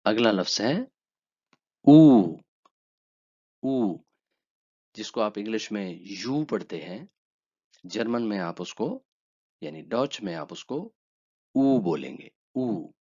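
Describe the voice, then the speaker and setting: Male tutor with an Urdu accent, low voice, slow deliberate delivery, muffled lo-fi recording. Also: expressive. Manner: slow, repeats each letter twice. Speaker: language teacher. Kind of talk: slow spoken lesson. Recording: dull lo-fi sound.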